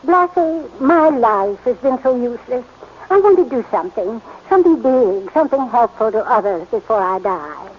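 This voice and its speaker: In a 1940s radio drama, an actress voices a genteel, easily flustered society lady in her seventies who asks about a theft, her fairly high voice lively and moderately paced. Lightly acted and fluttery, she repeats fussy, flustered refrains. The old broadcast sounds dull with faint hiss.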